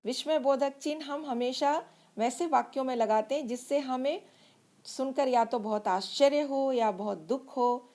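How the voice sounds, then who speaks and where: A woman teacher giving a patient grammar lesson to children, explaining slowly and reading example sentences aloud. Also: high-pitched, mellow.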